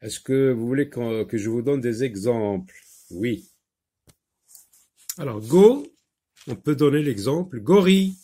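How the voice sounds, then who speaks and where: Slow, patient male phonics teacher. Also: mid-range voice, lively intonation, warm tone. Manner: slow, patient, repeats words and syllables. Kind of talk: French phonics lesson for children.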